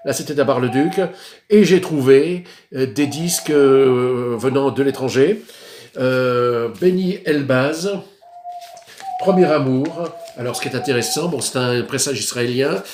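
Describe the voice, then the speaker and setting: A man's voice: mid-range voice, darkish tone, slight background noise. Hesitant French-speaking man in echoey room. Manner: hesitant, many fillers, unhurried. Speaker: record collector vlogger. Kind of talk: casual show-and-tell of purchases.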